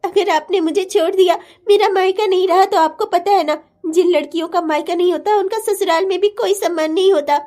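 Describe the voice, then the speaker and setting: A spoiled young cartoon sister-in-law, very high pitch, whiny, pleading. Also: female voice, steady tone, fairly quick, few pauses, a little mellow. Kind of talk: cartoon family-drama dubbing.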